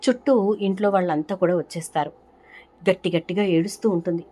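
A woman narrating a recap of a TV serial episode in a lively storytelling way. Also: on the low side, fast talker. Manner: lively, voices the quoted lines.

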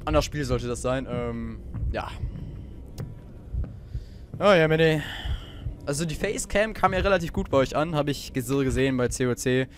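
This teen let's-play gamer has an expressive mid-range voice, a moderate pace and long pauses. Playing a horror game, he jokes nervously to his audience and lets out sudden shouts. Faint game sounds and a little hiss or hum are audible.

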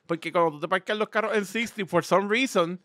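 A young man with a Puerto Rican Spanish accent, hosting a podcast in slangy casual chat and telling animated stories. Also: high-pitched, fairly quick, no room sound, clean studio sound. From Puerto Rico. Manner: animated storytelling, slangy, acts out voices. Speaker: podcast host.

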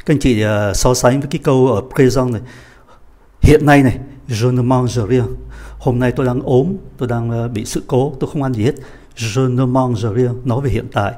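A man who speaks Vietnamese as his first language, teaching French grammar, patiently reading the French examples slowly with a Vietnamese accent. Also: mid-range voice, mellow. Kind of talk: explaining grammar in a lesson.

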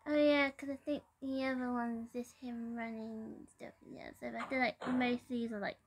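A woman giving excitable gameplay commentary, exclaiming and giggling as she plays. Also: fairly high pitch, moderate pace, slight background noise. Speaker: gamer.

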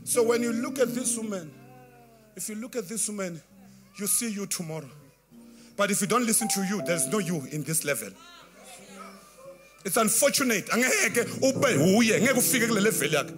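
A man's voice: sits high, lively intonation, normal speed, long pauses. A South African man in his thirties preaching a sermon into a handheld microphone in a large church tent, impassioned and half-singing his lines. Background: faint band music.

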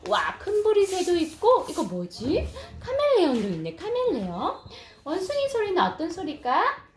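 A woman's voice: very high voice, wildly swooping pitch, moderate pace. A young woman, a mother, reading a picture book aloud to her infant in sing-song baby talk, with frequent coos and exclamations. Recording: echoey room, clear toy and background noise.

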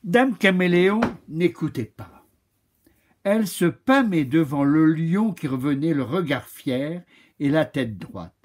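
A man reading a children's story aloud in a slow, expressive way. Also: on the high side.

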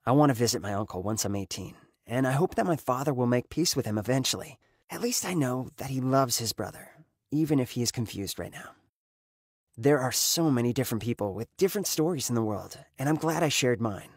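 Young man, husky, dry close sound, scripted story narration, emotive, rises on dramatic beats. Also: medium pitch, animated, fairly quick, no echo.

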